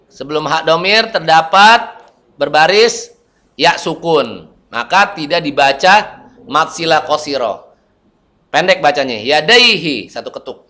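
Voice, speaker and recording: A young man gives a relaxed, chatty lesson on Quran reading, reciting short examples between his explanations. His voice sits high and sounds bright, and he speaks at an unhurried pace. He often stops to correct himself.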